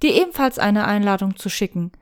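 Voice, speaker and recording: A woman voicing a kind, determined young woman apothecary with a gentle, polite way of talking. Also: medium pitch, lively intonation, a little fast, clear, resonant tone, lightly acted. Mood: nervous.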